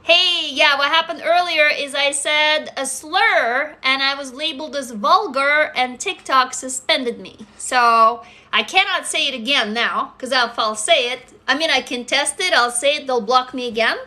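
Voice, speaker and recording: A woman in her forties with a Russian accent hosts a casual phone livestream from her desk indoors, filmed close up on the phone camera. Her voice is high-pitched, bright and forceful, and she talks a little slowly with few pauses. She chats candidly and swears freely.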